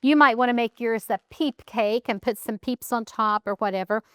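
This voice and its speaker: A woman's voice: fairly high pitch, normal speed, a bit bright, clean tone, no room sound, studio quality. A woman hosting a home cooking demonstration, chatting and thinking aloud as she decorates a cake in her kitchen. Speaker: cooking show host.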